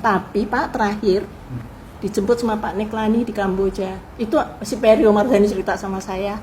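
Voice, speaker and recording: An older woman, a guest in an interview, telling family history in a lively way and acting out the people she quotes. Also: mid-range voice, a little fast, slight background noise, poor audio. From Indonesia. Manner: animated storyteller who acts out quoted people. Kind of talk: casual spoken reminiscence.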